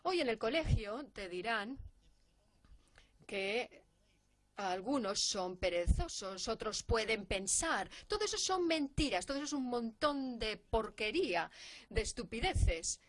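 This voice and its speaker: A woman's voice: on the high side, lively intonation, slow, no echo. A woman interpreting a lecture, in an earnest, emphatic way with rhetorical questions.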